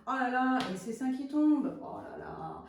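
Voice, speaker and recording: A woman's voice: high voice, huge pitch swings, normal speed, a little hiss or hum, pitched above the performer's own voice. A woman voicing a petty, mean female inner critic who mocks and insults with scornful exclamations. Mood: mocking. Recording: very echoey room, far from the mic.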